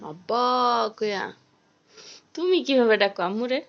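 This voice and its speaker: A young mother chats with her toddler, switching between mock scolding and gentle coaxing. Her voice sits fairly high. The home recording is dull and lo-fi, as if captured on a phone. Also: expressive, unhurried. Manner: playful, coaxing, sing-song questions to a toddler. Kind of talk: casual home video chat with a small child.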